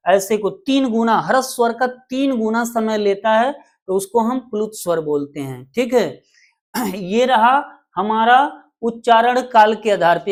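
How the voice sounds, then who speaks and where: Slow-talking woman teaching Hindi grammar. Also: fairly high pitch. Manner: slow, repetitive explaining with questions to viewers. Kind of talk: exam-prep grammar lesson.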